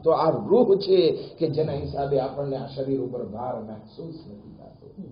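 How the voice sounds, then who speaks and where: A man giving an animated sermon, telling stories with rising emphasis. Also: medium pitch, unhurried. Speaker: preacher. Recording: echoey hall, dull lo-fi sound, faint noise.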